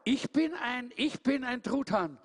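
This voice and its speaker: A restless young turkey, voiced by a man, pleads in a high, swooping voice that jumps all over the place. He keeps repeating himself in a storybook tale told in a reverberant space. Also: expressive, measured pace, exaggerated voice. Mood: pleading. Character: restless young male turkey dreaming of flight.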